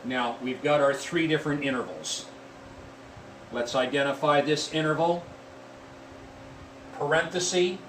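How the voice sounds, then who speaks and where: A man gives a math lecture in a deliberate, repetitive teaching manner, his voice somewhat high for a man. He sounds set back from the microphone in an echoey room, with a faint hiss of noise underneath. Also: fairly bright tone, recorded from a distance. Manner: deliberate, repeats key points, addresses students as folks.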